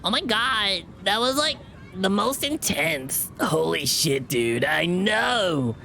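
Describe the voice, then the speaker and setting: A man voicing an excitable young male hyena in a story, speaking in slangy, breathless exclamations. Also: sits high, slow pace, creaky, a little hiss or hum, voice pushed up, exaggerated voice. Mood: thrilled, shaken. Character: excitable foul-mouthed young male hyena, just off a coaster.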